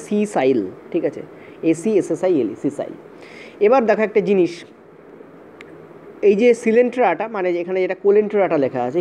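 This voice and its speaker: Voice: mid-range voice, mellow. A teacher giving an exam-prep lecture, repeating points and checking in with "okay" often, spelling terms out letter by letter. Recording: dull, slightly lo-fi audio with faint hiss.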